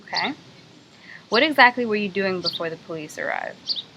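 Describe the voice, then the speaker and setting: A young American woman, a student, gives a class presentation and interviews a guest, reading prepared figures with small stumbles. Her voice is mid-range and animated, her pace moderate, with background noise in the recording.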